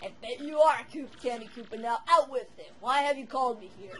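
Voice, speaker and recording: A woman's voice: on the high side, a little fast, sharp tone. A woman voicing a bossy, impatient male turtle-dragon king villain who bellows and gloats. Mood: boastful.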